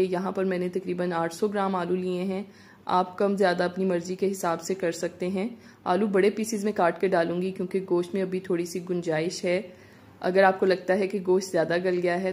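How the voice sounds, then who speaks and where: A woman narrating a home recipe as a voice-over, giving calm step-by-step cooking instructions. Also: fairly low pitch. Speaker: cooking channel host.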